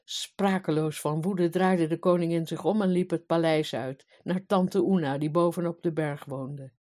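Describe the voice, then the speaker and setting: A woman reading a fairy tale aloud in a calm, even storytelling manner. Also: low voice, moderate pace.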